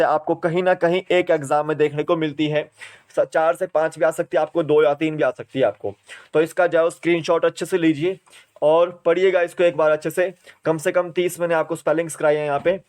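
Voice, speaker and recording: A young man with a Himachal Pradesh Indian accent teaches an exam prep lesson. He spells each word out letter by letter, at a slow and careful pace. His voice sits a little high for a man. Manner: spells words out letter by letter, then repeats them.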